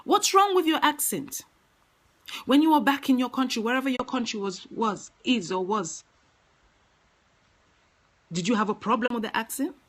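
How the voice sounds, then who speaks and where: Woman, motivational talk, earnest, emphatic, repeats key phrases, fairly high voice. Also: expressive, normal speed, long pauses, poor audio. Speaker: motivational speaker.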